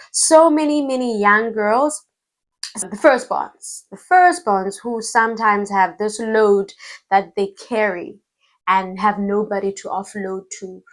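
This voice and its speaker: A woman from Africa, reviewing her favorite books in a casual, animated way and repeating words for emphasis. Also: medium pitch. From South Africa. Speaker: book vlogger.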